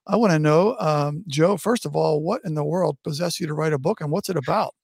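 A man's voice: on the high side, a little fast, creaky, a little mellow, slightly rough, dry recording, studio quality. A man hosting a podcast as a pastor, chatting casually with lots of filler sounds. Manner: friendly, many filler sounds.

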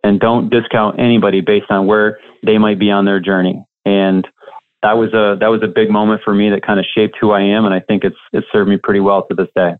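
A man's voice: fairly low pitch, level tone, brisk. A man who coaches staffing businesses, telling a candid, reflective story in an interview. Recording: tinny phone-like line.

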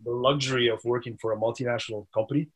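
A man talking casually as a podcast guest, an animated storyteller who laughs often. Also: medium pitch, racing, slight background noise. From Dubai. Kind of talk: casual interview chat.

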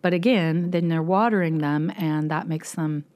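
A middle-aged woman co-hosts a podcast in a relaxed, conversational way. She talks freely and goes into long, detailed explanations. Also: deep voice, moderate pace. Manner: chatty, explains at length. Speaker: podcast co-host. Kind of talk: casual chat.

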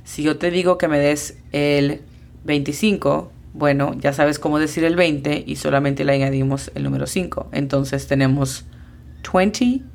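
A woman's voice: low-pitched, level tone, moderate pace, creaky, darkish tone. A woman teaching an English lesson in a podcast, patiently spelling out pronunciations letter by letter.

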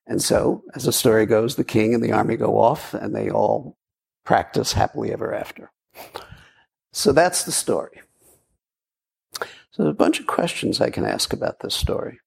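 A man's voice: lowish voice, lively intonation, normal speed, creaky, pauses often, a little mellow, slightly rough. A man giving a Zen dharma talk, telling a story in a rambling way with repeats and fillers. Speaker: Zen teacher. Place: meditation hall.

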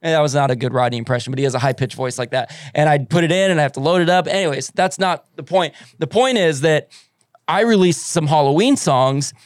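A man's voice: a little high, quick pace, dry recording, clean studio sound. Chatty, self-deprecating podcast host man. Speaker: radio board operator and podcast host. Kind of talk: casual chat.

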